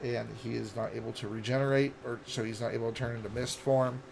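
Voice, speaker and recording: A man in his late thirties narrating as dungeon master, halting with fillers and restarts. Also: mid-range voice, little pitch movement, creaky, darkish tone, slight background noise. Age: late 30s. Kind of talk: narrating a tabletop game.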